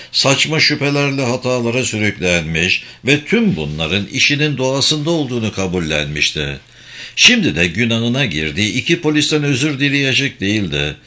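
A man narrates a crime novel in audiobook style with a measured, expressive delivery. His voice is bright and clear in tone. His pitch moves widely and lively through each sentence.

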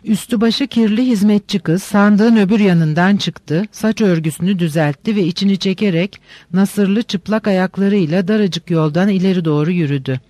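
A man reading a literary novel aloud in a measured, descriptive narration. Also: sits high, a little mellow, no room sound. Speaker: audiobook narrator.

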